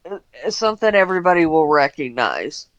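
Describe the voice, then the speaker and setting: A tabletop game player who thinks aloud, unhurried and full of fillers. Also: medium pitch, very animated, fairly bright tone, dry recording.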